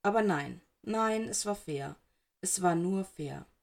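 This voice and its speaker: A woman's voice: lowish voice, slow, gravelly. A woman reading fan fiction aloud with dramatic, emotive narration. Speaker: audiobook reader.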